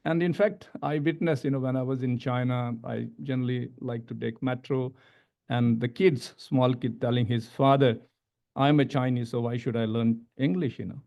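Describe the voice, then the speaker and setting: Through a gooseneck table microphone in a medium-sized indoor conference room, a middle-aged Indian-accented academic gives a semi-scripted panel lecture, halting and repeating words to stress every new point. His mid-range voice is darkish with fairly even intonation, and the recording sounds muffled.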